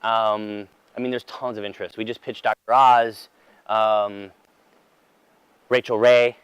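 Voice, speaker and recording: A man's voice: on the low side, flat delivery, a little slow, clean tone, no room sound, poor audio. A man speaking casually as a fitness entrepreneur being interviewed while he exercises on a treadmill. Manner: talking while walking or jogging on a treadmill.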